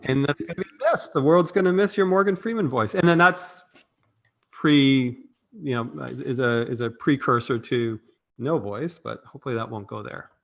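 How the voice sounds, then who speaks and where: A man's voice: mid-range voice, normal speed, creaky. A man hosting a live marketing show, upbeat and joking in casual chat. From Canada. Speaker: podcast host.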